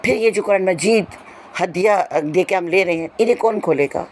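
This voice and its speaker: An Urdu teacher explains a poem to her students in an earnest, lecturing style, asking rhetorical questions again and again. Her voice is lowish, and there's slight background noise.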